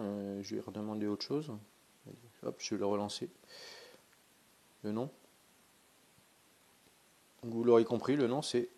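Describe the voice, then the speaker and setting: With a cold in his voice, a man demonstrating pendulum dowsing on his vlog chats loosely, hesitating often and restarting his sentences around plenty of fillers. The voice is lowish and a little mellow.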